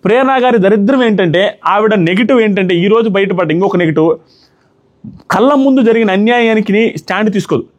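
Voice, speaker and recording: A man's voice: sits high, a little fast. A man giving an argumentative, opinionated commentary on a reality show, mixing English words into his speech.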